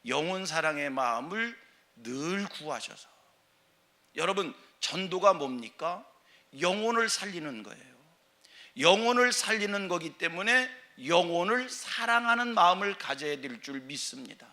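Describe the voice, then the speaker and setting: A man who is the senior pastor, preaching a sermon in a church with emphatic swings between loud calls and soft, slow phrases. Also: sits high, expressive. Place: church sanctuary.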